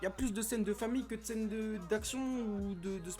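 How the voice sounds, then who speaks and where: A man's voice: high voice, fairly quick, a little mellow, faint music behind. Slangy, swearing young man ranting. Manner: slangy, rambling, sprinkled with swearing and hesitations. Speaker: amateur film reviewer. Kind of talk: casual comedic film review. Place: at home, recording with streaming software. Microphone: desk microphone.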